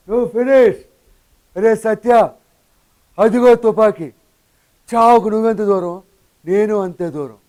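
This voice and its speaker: A man in a comedy skit playing an eager would-be mimicry artist who bursts into loud, shouted movie-hero dialogue. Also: very high-pitched.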